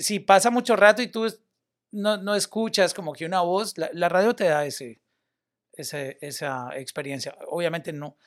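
High-voiced man chatting casually. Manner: animated, loose, sprinkles English words. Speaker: media personality and former radio host. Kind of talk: casual podcast chat.

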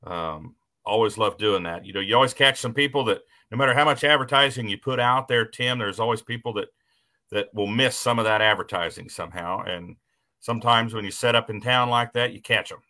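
A man's voice: lowish voice, fairly quick, sharp tone. A man hosting a casual live show as a tractor pull announcer, talking in a folksy, conversational way.

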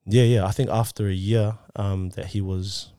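A man's voice: fairly low pitch, fairly even intonation, moderate pace, warm tone, smooth, no echo, clean studio sound. A man with a broad New Zealand accent telling a candid personal story in casual, slangy talk. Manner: slangy, often tagging sentences with "bro" and "eh". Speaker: interview guest.

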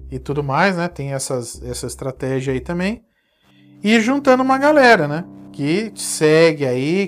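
A man with a Brazilian accent giving a casual spoken lesson in a conversational way, often ending phrases with a questioning tag. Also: high-pitched. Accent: Brazilian Portuguese. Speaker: teacher giving advice on online courses.

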